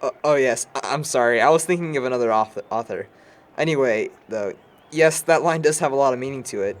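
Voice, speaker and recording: A young adult man with a medium-pitched, natural voice speaks quickly, playing a bookish, dry-witted young man in an amateur audio drama. His lines are formal and wordy, delivered in a reflective mood.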